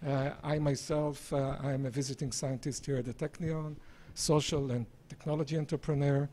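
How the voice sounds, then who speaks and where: A man in his sixties giving a live project presentation on a handheld microphone, speaking haltingly in broken-up phrases. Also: mid-range voice, flat delivery, mellow. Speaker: presenter, visiting scientist and entrepreneur. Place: small indoor presentation room. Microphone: handheld microphone, held at varying distance.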